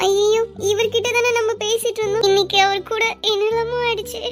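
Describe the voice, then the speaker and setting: A woman playing a tender heartbroken young cartoon heroine, very high-pitched and soft, her lines emotional and close to tears. light children's music plays faintly under her. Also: level tone, a little fast. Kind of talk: cartoon voice acting.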